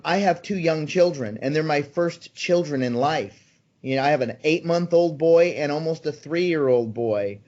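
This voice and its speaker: A man in his sixties, a guest in an interview, answers conversationally in a voice on the high side with a darkish tone. He's eager and persuasive, with frequent ums and restarts, and the recording sounds slightly dull and muffled.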